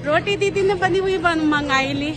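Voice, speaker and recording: High-voiced woman vlogging in a loud market. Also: normal speed. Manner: chatty running commentary to viewers. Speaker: family vlogger. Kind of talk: casual vlog narration. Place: busy outdoor market and crowded clothing shops. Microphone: phone held at arm's length. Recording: loud crowd noise around. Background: loud market crowd.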